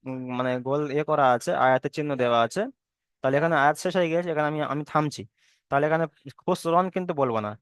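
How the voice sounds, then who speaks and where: A fairly high male voice, smooth and clear, recorded close and dry. He teaches reading rules patiently, repeating each point and drawing out chanted verses slowly. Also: a bit bright, dry recording. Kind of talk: step-by-step recitation lesson.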